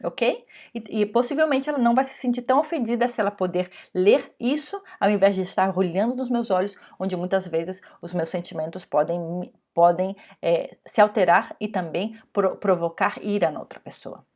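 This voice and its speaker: A middle-aged woman with a Brazilian Portuguese accent teaching parents in an online lesson, pausing and restarting and often checking in with "ok?". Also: mid-range voice, darkish tone. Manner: halting, many restarts and checking "ok?". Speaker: educator leading a parenting course.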